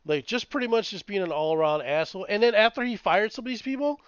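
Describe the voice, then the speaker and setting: A man in his late thirties rants on a casual podcast, cursing freely and circling back over his points. His voice sits a little high. The recording sounds dull and lo-fi, with a dry, close sound. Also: quick pace, clean tone, no echo. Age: 30s. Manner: profane, rambling, animated ranting. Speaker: podcast co-host. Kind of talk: casual chat.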